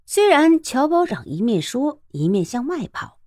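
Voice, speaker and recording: Woman reading a story aloud, super animated voice, dry close sound. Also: high voice, a little slow, no echo. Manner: lively, expressive. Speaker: narrator. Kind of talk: audiobook storytelling.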